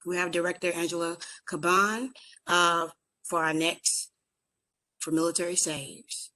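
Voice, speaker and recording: A woman hosting a virtual veterans roundtable, conversational and a little halting, often stumbling over names and titles. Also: on the low side, level tone, pushed and bright. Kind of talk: virtual meeting moderation.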